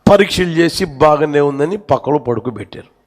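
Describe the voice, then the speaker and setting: A man's voice: a little high, expressive, a little fast. A man preaching a sermon in a church, telling stories with passion and repeating his phrases. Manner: impassioned storytelling, repeated phrases. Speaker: pastor.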